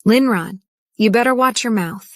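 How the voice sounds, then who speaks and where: A woman's voice: a little high, normal speed, dry recording, lightly acted. A woman dubbing a defiant young heroine who answers her family with cutting remarks, recorded dry in a studio. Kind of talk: English drama dub.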